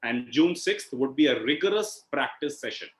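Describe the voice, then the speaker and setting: Speaking over a video call from an echoey room, a man with an Indian accent leads a healing session as its instructor and host. His mid-range voice has lively intonation and a moderate pace, and he teaches in a didactic style, often checking in with a questioning "right?".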